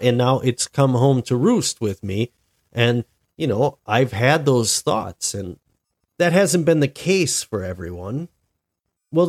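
This podcast host, an adult married man, talks alone in a monologue while stuffy and ill with what seems like a cold. His medium-pitched delivery is reflective and deliberate, punctuated by many restarts.

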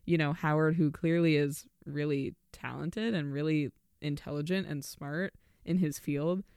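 A man's voice: on the high side, steady tone, a little slow, vocal fry, darkish tone, clear, resonant tone, no echo, studio quality. A man co-hosting a podcast, chatting enthusiastically about a film and giggling often. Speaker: podcast co-host. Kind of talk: casual film discussion.

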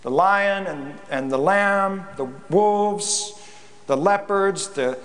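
A man's voice: high voice, takes it slowly, a bit bright. A man, a pastor, preaching a reflective sermon in a church, often repeating words as he goes.

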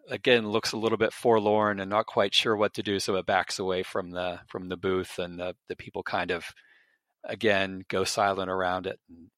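Man, low voice, tabletop game narration, halting with fillers, dry close sound. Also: a bit bright, no room sound. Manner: halting, many fillers and restarts. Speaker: player.

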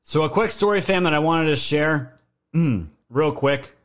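Man, livestream host, sarcastic rant, swearing, hoarse voice. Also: fairly high pitch, a little slow. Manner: sarcastic, swears, animated outbursts. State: losing his voice. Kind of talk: ranting political commentary.

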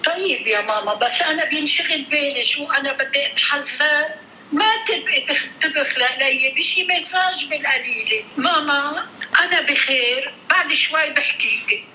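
Sharp, high-voiced Lebanese mother. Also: normal speed, a little hiss or hum, low-quality recording. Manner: motherly, explanatory, uses endearments and proverbs. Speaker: mother on a call with her grown daughter. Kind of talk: casual family phone chat.

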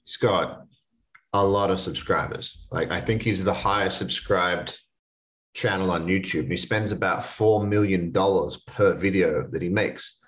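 A man in his late twenties hosts a solo motivational podcast, his low voice a bit bright and a little slow. He comes across as casual and earnest, conversational, with some restarts.

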